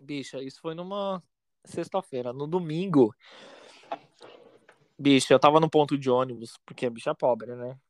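A Brazilian man with a Brazilian accent tells a wild anecdote in a campy, theatrical way. His voice sits at a middle pitch. The recording is dry and close, with no room sound. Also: moderate pace, pauses often, no echo. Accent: Brazilian Portuguese. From Brazil, São Paulo state. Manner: campy, dramatic storyteller with lots of slang asides. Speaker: podcast storyteller. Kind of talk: casual chat, anecdote telling.

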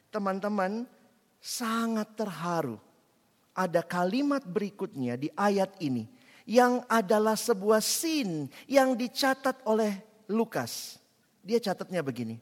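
A man preaching a sermon in an animated way, acting out quoted dialogue and swinging between loud and soft passages. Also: high voice. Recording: long hall reverb.

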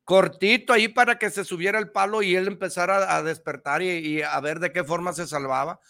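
Man, Mexican accent, high pitch, bright forceful tone, motivational pep talk, middle-aged. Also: steady tone, fairly quick, creaky. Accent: Mexican Spanish. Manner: emphatic, repetitive, slangy. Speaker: motivational radio host.

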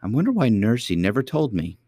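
A man's voice: mid-range voice, big pitch swings, a little fast, warm tone, husky, no echo, voice pushed up. A man voicing a timid little princess girl who stammers and hesitates. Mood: curious.

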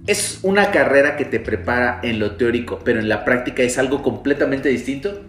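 A man with a Mexican accent hosting a casual interview, playful and quick to joke and laugh. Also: medium pitch, animated, fairly bright tone, soft background music. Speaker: podcast host. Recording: echoey room.

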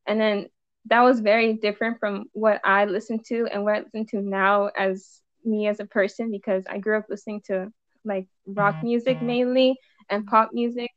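A woman's voice: medium pitch, flat delivery, moderate pace, no echo. Young woman, dull lo-fi dry sound. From Los Angeles, USA. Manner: rambling, many "like"s and trailing restarts. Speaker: musician guest. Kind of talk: casual podcast chat.

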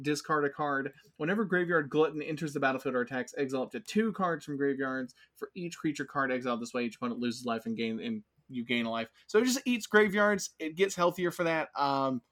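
A man hosting a casual podcast, reading out card text and giving quick, upbeat opinions on each one. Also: a little high, fairly bright tone. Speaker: podcast host.

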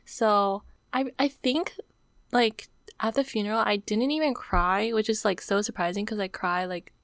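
A woman's voice: mid-range voice, moderate pace, a bit bright, no echo. A young woman co-hosting a podcast, talking casually and emotionally, close to tears, with lots of "like". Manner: says "like" constantly, emotional and on the verge of tears. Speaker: podcast co-host. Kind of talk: casual chat.

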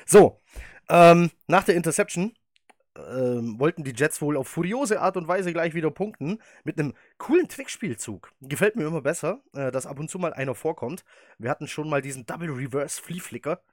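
A German-speaking man in his thirties, with a slightly high and expressive voice, chats at a normal pace on his casual football podcast. Opinionated and easy to laugh, he's recorded in clean studio sound without room reverb.

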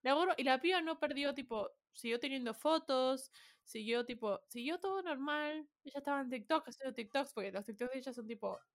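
Woman, rioplatense accent, podcast co-host, casual chat, fairly high voice. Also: brisk. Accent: Rioplatense Spanish. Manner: chatty, laughs often, mixes in English words.

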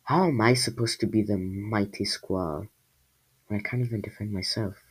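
Guy reading a broody squirrel warrior, low and quiet, storybook voice. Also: moderate pace, breathy edge. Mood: weary.

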